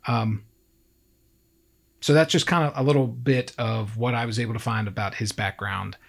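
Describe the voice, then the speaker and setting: A man's voice: medium pitch, steady tone, fairly quick, gravelly. A man co-hosting a podcast, telling a true-crime story in a casual way and acting out the people in it. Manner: acts out quoted people with raised voices, laughs often. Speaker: podcast co-host.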